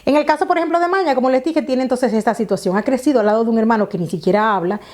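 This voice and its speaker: A Dominican vlogger talks to camera in a slightly high, rapid-fire voice with a darkish tone. Her manner is casual and explanatory, with lots of fillers and phrases she says over and over.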